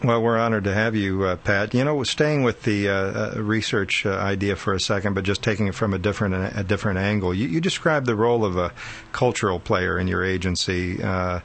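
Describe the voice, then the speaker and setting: A radio co-host with a lowish male voice. He asks long, winding questions. His speech is full of "uh"s and false starts as he works his way toward the point. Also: brisk, fairly bright tone. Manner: rambling, many fillers and restarts.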